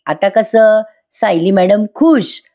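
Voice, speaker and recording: A woman's voice: mid-range voice, expressive, takes it slowly, mellow. A woman voicing a spiteful, jealous young woman in a retold TV serial scene, with a taunting, whiny delivery. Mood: resentful.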